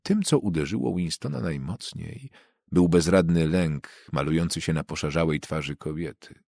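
Deep, husky male audiobook narrator. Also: normal speed, darkish tone, dry recording, studio quality. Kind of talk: scripted narration.

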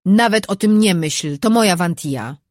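An audiobook narrator voicing a weary, stern male demon who gives hard orders, in a husky, dry recording. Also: mid-range voice, expressive, a little slow, a little mellow, no echo. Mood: commanding.

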